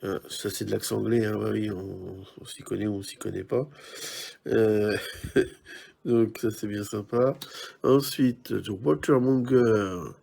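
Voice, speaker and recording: A man's voice: on the low side, steady tone, a little slow, creaky, mellow, breathy edge. A man giving casual, chatty commentary while opening trading card packs, musing aloud with many hesitations.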